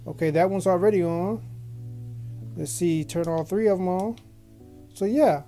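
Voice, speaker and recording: In a small home office studio, a female video host chats casually through an unboxing, reviewing a product in a folksy, slangy style and repeating phrases. Her voice is warm and fairly low.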